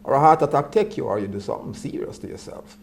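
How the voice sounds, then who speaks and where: A man's voice: medium pitch, sing-song, fast, vocal fry. A man with a Jamaican accent speaking Rasta-style with patois phrasing, reasoning conversationally and repeating words for emphasis.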